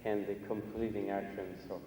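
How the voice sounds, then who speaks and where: A man with a low, soft-edged voice interprets a philosophy lecture. He speaks in careful, halting phrases. The sound comes from off in a big echoing hall with some faint noise. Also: level tone. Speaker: interpreter translating a Buddhist teacher. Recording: echoey hall, distant mic, background noise.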